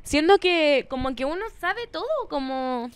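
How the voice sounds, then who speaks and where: A Chilean woman co-hosting a podcast, blunt and expressive, swearing freely in casual chat. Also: high-pitched, a little slow. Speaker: podcast co-host.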